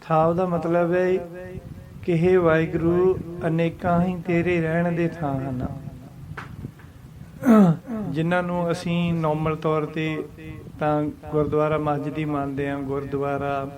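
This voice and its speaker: A Gurbani teacher with a Punjabi accent gives a slow religious lesson on the correct recitation and meaning of scripture. His voice is a little high with little pitch movement, and he speaks slowly and deliberately, chanting scripture lines and mixing in English glosses.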